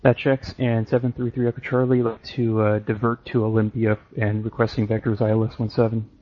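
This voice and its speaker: A man's voice: on the low side, flat delivery, brisk. A man speaking as a private pilot, making procedural calls and readbacks over radio. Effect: radio transmission. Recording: dull band-limited radio audio.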